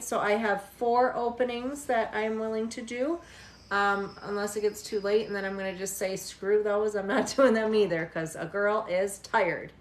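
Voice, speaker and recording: A tired woman in her forties hosts a tarot livestream, reading cards for viewers while chatting casually, teasing them and laughing often. Her voice is a little high, and the sound is reverberant.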